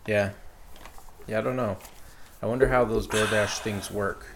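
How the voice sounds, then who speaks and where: A man with a low voice co-hosts a podcast, still groggy from just waking up. He talks in a laid-back way and laughs easily. Faint noise sits behind him. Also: fairly even intonation, measured pace. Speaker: podcast co-host. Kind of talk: casual podcast chat.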